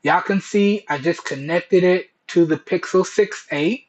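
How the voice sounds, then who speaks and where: Higher-pitched man on a muffled Bluetooth headset mic. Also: measured pace. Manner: colloquial, repeatedly checks in with "okay" and "all right". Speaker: tech reviewer, video host. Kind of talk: casual product test presentation to camera. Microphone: Bluetooth earbud microphones.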